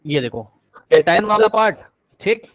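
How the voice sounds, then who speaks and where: A high-voiced man teaches a lively chemistry class and keeps checking that his students are following along. His voice is dry and close, and the recording is slightly muffled. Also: moderate pace, dry recording. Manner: energetic, keeps checking with "ठीक?" and coaxing answers.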